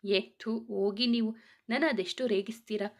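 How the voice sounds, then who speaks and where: A woman's voice: medium pitch, fairly even intonation, normal speed, natural voice. A woman voicing a shy pregnant young woman who protests bashfully at teasing.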